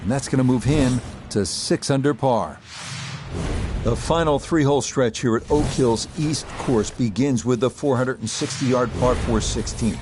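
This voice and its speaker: A man giving measured, descriptive play-by-play as a golf commentator on a tournament broadcast. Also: medium pitch, background noise. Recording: loud crowd and outdoor ambience behind.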